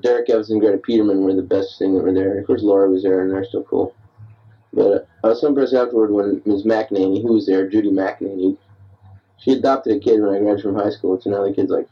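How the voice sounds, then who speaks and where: A tipsy man in his early 30s rambles late at night after some beers, recording himself as a diary on an answering machine. His husky, fairly low voice comes fast, and he's self-deprecating and restless. The tape sounds muffled, with the mic distant and off to the side.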